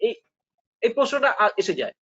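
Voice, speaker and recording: A man's voice: extremely high pitch, expressive, a little fast, a bit bright. A man with a Bengali accent explaining spiritual ideas in a philosophical discussion, patiently and with rhetorical questions. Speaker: spiritual teacher. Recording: dull lo-fi recording.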